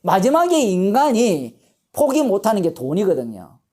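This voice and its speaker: A woman pastor giving a Bible lecture sermon, emphatic and animated, posing rhetorical questions and answering them herself. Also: medium pitch, moderate pace.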